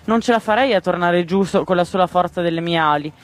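A man's voice: high-pitched, fast talker, close to an everyday voice. A man voicing a harsh, grumpy grey bird. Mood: grumbling. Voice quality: harsh, scolding. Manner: huffy, lecturing. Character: gruff grey male bird, grumpy and doubtful. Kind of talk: storybook reading.

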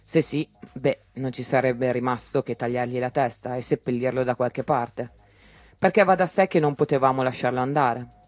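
A man narrating an audiobook in a lively way, giving each character's lines their own voice. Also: medium pitch, normal speed, no echo, faint music behind.

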